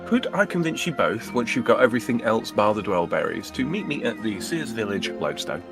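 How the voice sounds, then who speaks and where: A man's voice: on the low side, very animated, over music. A man casually chatting and telling stories with friends while streaming an online game, laughing often. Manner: laughs often, drawn-out storytelling. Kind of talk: casual gaming chat.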